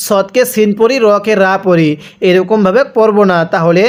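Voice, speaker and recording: A Quran recitation teacher spelling out letters and vowel marks one by one, then drilling each word slowly for listeners to repeat. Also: medium pitch, steady tone. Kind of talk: step-by-step recitation lesson.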